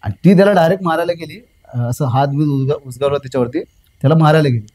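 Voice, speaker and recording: A young man recounting something that happened to him in casual storytelling, repeating himself, filling pauses with "uh" and calling the host sir. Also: on the high side, a little mellow, rough recording. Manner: rambling, repeats phrases, fills pauses with "uh", addresses the host as sir. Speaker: guest recounting a personal experience.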